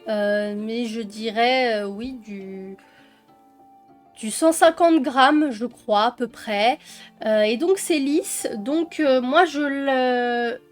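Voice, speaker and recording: A French woman leafs casually through coloring books for her vlog, talking chattily with plenty of fillers and sweet little words. She takes it slowly in a slightly high voice, with faint music behind.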